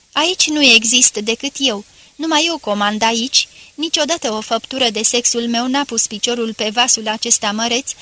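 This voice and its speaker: Narrator voicing a radiant young wife, effusive, bright higher tone, storybook reading. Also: female voice. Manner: rapturous, effusive. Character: young woman, joyful, adoring wife.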